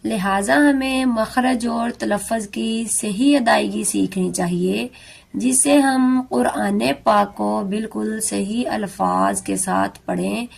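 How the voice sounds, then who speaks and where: A woman teaching a beginner Quran recitation lesson, slowly and carefully sounding out letters and words. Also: mid-range voice, steady tone, gravelly.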